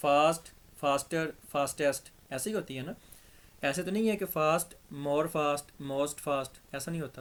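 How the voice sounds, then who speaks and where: A man with a Pakistani accent giving a patient, step-by-step grammar lesson, his throat a little dry. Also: a little high. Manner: patient, step-by-step explaining, repeats examples. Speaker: English teacher.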